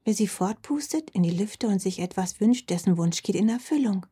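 A woman voicing a small, timid female blue fox in a children's audio story, speaking softly and anxiously. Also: mid-range voice, lively intonation, moderate pace, husky. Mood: confiding. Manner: soft, hushed and anxious.

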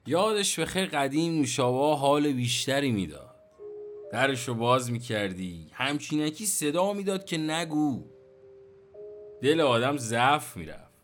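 An actor playing a chatty, complaining, nostalgic middle-aged taxi driver with a Tehrani accent and colloquial street slang. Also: male voice, mid-range voice, animated, soft background music, natural voice.

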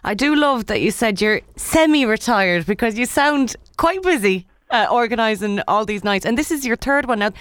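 A woman's voice: a little high, expressive, moderate pace, hardly any pauses, a bit bright, dry recording, clean studio sound. A woman with an Irish accent hosting a casual radio interview. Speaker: radio host.

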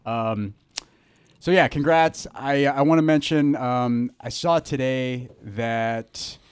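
A man's voice: mid-range voice, takes it slowly, clear, resonant tone, dry recording. A young adult man hosting a casual podcast chat, laughing often and swearing casually. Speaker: podcast host.

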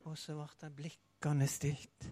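A man telling a Bible story to children as a lively sermon, speaking as a disciple in first person and leading the audience in sound effects. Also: on the high side, long reverb tail.

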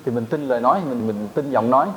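Monk, easygoing dharma talk. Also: male voice, medium pitch, quick pace, fairly bright tone, a little hiss or hum, rough recording. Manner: plain conversational teaching with rhetorical questions. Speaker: Buddhist monk teacher.

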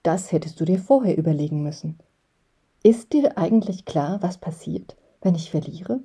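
A woman's voice: on the low side, animated, normal speed, warm tone, breathy edge. A woman reading aloud, voicing an indignant middle-aged housewife who pleads sharply and in agitation with her husband. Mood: agitated.

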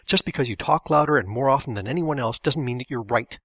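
A man's voice: medium pitch, very animated, a little fast, vocal fry, a bit bright, husky, no room sound, exaggerated voice. A man voicing an angry, meticulous male programmer who speaks indignantly and emphatically. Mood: furious.

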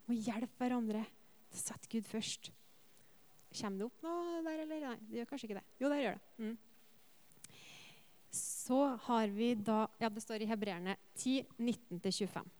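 Smooth-voiced woman preaching a sermon. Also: on the high side. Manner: earnest, lively storytelling with personal anecdotes; rhetorical questions to the congregation. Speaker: preacher and worship leader.

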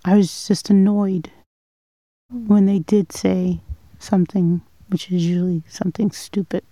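A woman's voice: medium pitch, little pitch movement, measured pace, dark tone, no room sound. A woman speaking frankly and emphatically in a casual interview.

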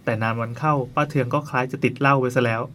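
A man's voice: mid-range voice, steady tone, rapid-fire, a bit bright, a little hiss or hum. A man narrating a ghost story in a casual, chatty way, tossing playful asides to his co-host.

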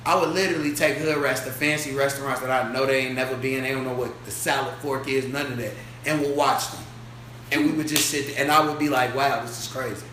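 A man in his twenties chatting casually on a podcast, telling stories in a loud, animated, slangy and profane way. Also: medium pitch, quick pace. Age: 20s. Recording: echoey room with faint ambient noise.

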